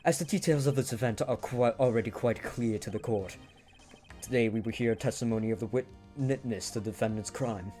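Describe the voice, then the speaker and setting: A man in his twenties voicing a cold, ruthless young male prosecutor in a fan reading of a game script, speaking low, cool and measured. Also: warm tone, faint music behind, close to an everyday voice. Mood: smug. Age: 20s.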